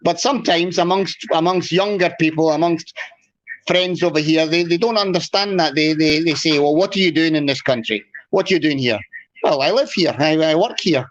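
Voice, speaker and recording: A man's voice: a little high, normal speed. A man talks proudly over a video call in a slightly raised voice. He is earnest and tends to repeat a word or two while he gets going. The audio is dull and lo-fi. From Scotland. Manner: earnest, proud, repeats words when starting. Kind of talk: casual chat on a video call.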